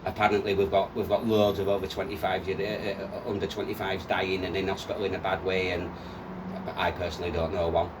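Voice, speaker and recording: A man's voice: low voice, little pitch movement, fairly quick, distant mic, very noisy. A man chatting casually with a colleague, rambling and repeating himself as he rants. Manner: rambling, repeats words, ranting. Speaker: co-host. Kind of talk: casual chat.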